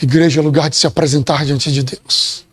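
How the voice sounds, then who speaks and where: A man's voice: fairly high pitch, fairly even intonation, a little fast, a bit bright, breathy edge. A Brazilian man preaching a sermon as pastor in a church, with an emphatic, dramatic delivery full of repeated phrases. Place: church sanctuary. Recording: long church-hall reverb.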